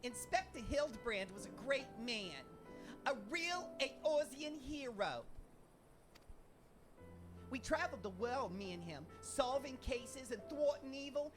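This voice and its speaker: A woman's voice: sits high, lively intonation, measured pace. A woman voicing a small, earnest young female would-be inspector in a theatrical fan dub of game dialogue, with game music behind. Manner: theatrical, dramatic sighs and sobs. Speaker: fan voice actor.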